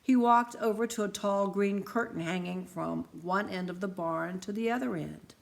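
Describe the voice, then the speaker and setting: A woman reading a storybook aloud in an expressive, lively way. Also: medium pitch, moderate pace, vocal fry.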